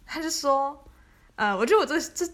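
A woman's voice: high-pitched, expressive, normal speed, a bit bright. A woman, casually telling stories as a podcast host, chatty and laughing often. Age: 20s. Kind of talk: casual storytelling monologue.

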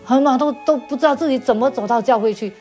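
Woman guest, faith testimony, halting delivery, repeats words, soft music underneath. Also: sits high. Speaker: interview guest.

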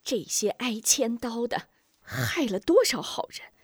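A woman voicing a worried widowed mother who scolds her son in a hushed voice. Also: medium pitch, very animated, moderate pace, no room sound, studio quality. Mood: hushed worry.

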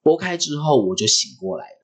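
A man, hosting a podcast and telling a story in a vivid, animated way. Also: a little high, a little fast, breathy edge. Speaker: podcast host.

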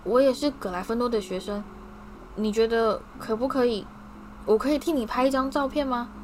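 A man's voice: very high-pitched, fairly quick, slight background noise. A woman voicing an eager, starstruck young schoolboy who gushes and pleads breathlessly.

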